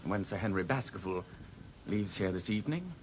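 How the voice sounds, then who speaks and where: A man playing a scheming, cold-blooded heir, talking with cold menace and sharp contempt in an old film drama. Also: low-pitched, lively intonation, a little fast, slight background noise. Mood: menacing. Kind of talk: 1950s film drama acting.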